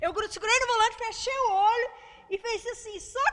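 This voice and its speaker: High-voiced woman preaching fervently. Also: steady tone, fairly quick, heavy background noise. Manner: fervent preaching, calls out to the congregation. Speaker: pastor. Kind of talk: sermon.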